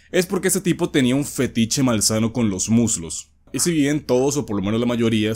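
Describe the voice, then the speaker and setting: A man's voice: medium pitch, a little mellow. A man delivering scripted video commentary in an emphatic, explanatory way. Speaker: video essay host. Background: background music.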